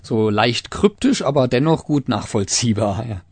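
A man's voice: mid-range voice, very animated, moderate pace, creaky, darkish tone, husky, no room sound. A male radio show host interviewing a guest, friendly and affirming with frequent agreement sounds.

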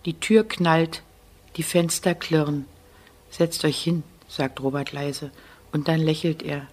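Give me a low-voiced woman reading a story. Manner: measured, expressive. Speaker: narrator. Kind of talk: audiobook reading.

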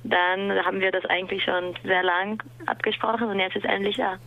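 A woman in her twenties with a Brazilian accent, answering a live interview as a dance teacher in halting German and laughing often. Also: medium pitch, level tone, lo-fi sound. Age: 20s. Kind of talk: live interview over a call.

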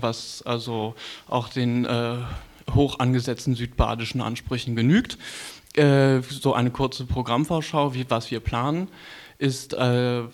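In a radio studio, a man presents an unscripted programme on air for a community radio editorial team. His voice is medium-pitched with a darkish tone, and he halts often, hesitating and pausing as he searches for words.

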